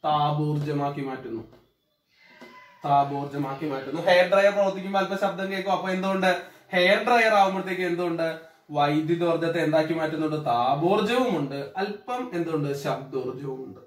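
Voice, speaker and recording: A man's voice: fairly high pitch, a little fast, distant mic. Malayalam-accented male teacher in an echoey room. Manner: drills pupils with repeated questions and answers. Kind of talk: classroom-style science lesson. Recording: echoey room, away from the mic.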